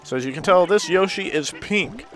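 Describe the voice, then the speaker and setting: A man giving casual, rambling gameplay commentary as a let's play host, with sudden loud outbursts and hiccups. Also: high voice, expressive, fairly quick, music in the background.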